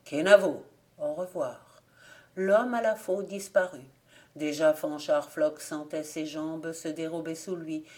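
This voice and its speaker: A woman narrates folk tales for an audiobook. She reads in a steady, clear storytelling manner, with a fairly low voice. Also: measured pace. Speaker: volunteer audiobook reader.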